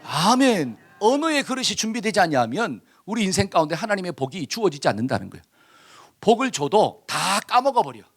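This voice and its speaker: Animated high-voiced male pastor. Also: brisk, husky. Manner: leads congregation in call-and-response reading; animated, emphatic preaching with rhetorical questions. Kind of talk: sermon.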